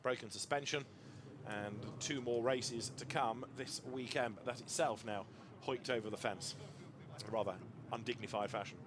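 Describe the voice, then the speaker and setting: Casting: male motorsport commentator, mid-pitched voice, vivid running race narrative, heavy engine noise behind him. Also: steady tone, moderate pace. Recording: loud engine and outdoor track noise. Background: racing cars and trackside ambience.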